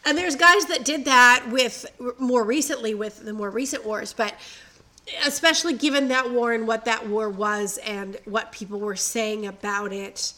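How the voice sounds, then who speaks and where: A woman's voice: on the high side, moderate pace, bright, forceful tone, low-quality recording. A married woman co-hosting a podcast, chatting playfully with teasing quips. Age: adult, married. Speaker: podcast co-host. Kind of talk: casual chat, joking banter.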